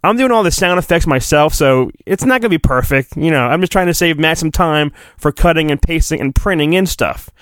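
On his solo podcast, a middle-aged man speaks briskly in a slightly high, bright, animated voice with hardly any pauses and no echo. He rambles casually and performs mock-dramatic storybook readings, joking and self-deprecating as he goes.

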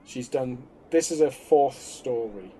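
A man's voice: medium pitch, takes it slowly, dark tone, a little hiss or hum. A man co-hosting a podcast in casual chat, sardonic and exasperated. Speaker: podcast co-host.

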